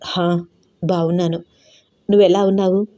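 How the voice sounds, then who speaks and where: A woman's voice: fairly low pitch, level tone, normal speed, warm tone, natural voice. A woman voicing a stern, protective young man who speaks seriously and firmly. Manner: serious, firm.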